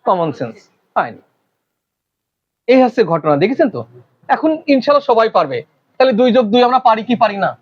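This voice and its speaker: High-voiced man lecturing a class. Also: very animated, lo-fi sound. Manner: quizzing the class with rapid questions. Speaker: teacher.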